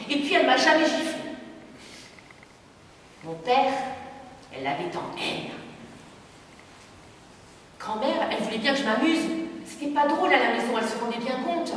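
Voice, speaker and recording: A woman's voice: recorded from a distance, a little hiss or hum. Brooding woman reading in an echoing hall. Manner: dark, brooding, often low and hushed. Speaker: actress reading. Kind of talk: theatrical literary reading. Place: theater stage. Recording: echoey hall recorded from afar.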